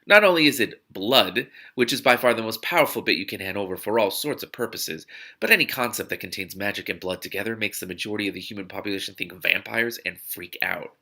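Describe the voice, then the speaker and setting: Fast and fairly low-pitched, this man's creaky voice sounds pushed and bright as he hosts a book read-aloud show. He reads a novel expressively in audiobook fashion, breaking off for enthusiastic asides and reactions.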